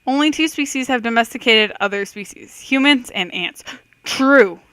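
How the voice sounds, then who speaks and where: A woman's voice: a little high, normal speed, a bit bright, clear, resonant tone, no room sound. A woman giving casual, chatty commentary on a quiz game, reading questions aloud and reacting with self-doubting thoughts. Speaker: host of a let's-play quiz video.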